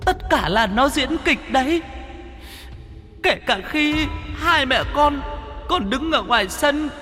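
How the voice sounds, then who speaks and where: A man's voice: animated, slow pace, bright, forceful tone, in a large hall, soft background music, exaggerated voice. Man doing a shrieking ghost mother. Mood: desperate. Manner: high strained pleading cries.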